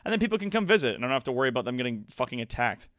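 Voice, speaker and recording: Racing through his words in a mid-range voice, a livestream host chats with viewers from his home streaming room, cursing freely and making lively asides. The audio is studio quality with no echo.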